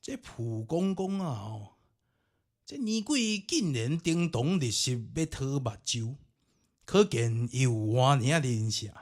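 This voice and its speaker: Speaking slowly in a medium-pitched, sing-song voice, a male podcast storyteller with a Taiwanese accent narrates ghost stories and adds theatrical, colloquial commentary. His first language is Taiwanese Hokkien.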